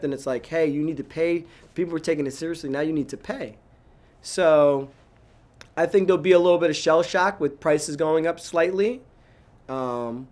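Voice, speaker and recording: A man in his thirties from New York, a chef answering interview questions in a casual, animated way, with frequent "like"s and restarts. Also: fairly high pitch. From New York, USA. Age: 30s. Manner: animated, talks fast with many "like"s and restarts.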